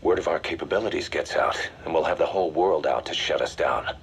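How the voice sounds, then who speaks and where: An actor playing a military intelligence strategist in a video game, delivering a grave, deliberate, commanding briefing. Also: male voice, extremely low pitch, gravelly, a little hiss or hum. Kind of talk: video game voice acting, mission briefing dialogue.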